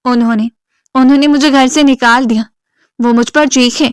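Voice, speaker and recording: A gentle young woman of twenty-one who pleads softly, voiced by a woman narrator. Her voice is fairly high and smooth, with a dry, close audiobook sound. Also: steady tone, dry recording, natural voice. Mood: tearful. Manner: soft and pleading.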